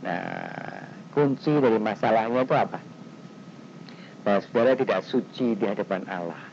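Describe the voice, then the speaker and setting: A man preaching a sermon in an animated, conversational way, with sudden leaps in pitch. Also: normal speed, vocal fry. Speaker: pastor. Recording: dull, slightly noisy 1990s recording.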